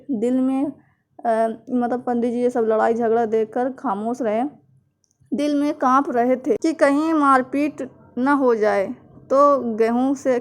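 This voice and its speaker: Woman teacher, fairly high voice, slow, halting story reading with word glosses. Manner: reads lines then glosses hard words in plain speech. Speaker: Urdu teacher. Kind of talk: reading a story aloud and explaining words.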